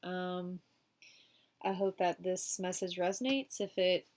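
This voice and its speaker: Sick and sniffling, this tarot reader chats her way through a laid-back weekly reading, peppering it with "um" and "you know." Her pitch is fairly low, her tone darkish, and she talks slowly.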